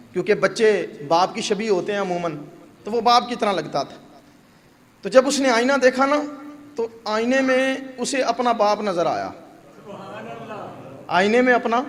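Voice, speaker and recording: A man preaching a Friday sermon in a mosque, telling a story with lively repetition. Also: sits high. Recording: echoey mosque hall.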